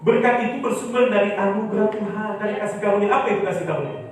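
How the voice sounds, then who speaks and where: A male pastor preaching a sermon, swinging from loud cries to low murmurs. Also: very fast, a little hiss or hum. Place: church hall. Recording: echoey hall, distant mic, with music.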